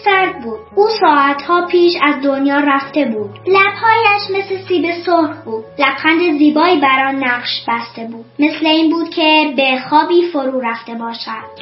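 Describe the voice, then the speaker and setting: A woman narrating a storybook in a soft, expressive way. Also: sits high. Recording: echoey, dull lo-fi. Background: faint music.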